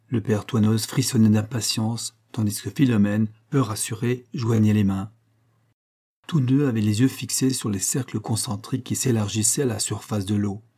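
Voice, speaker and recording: A man reading a classic tale aloud in measured, expressive narration. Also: fairly low pitch, breathy edge. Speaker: reader.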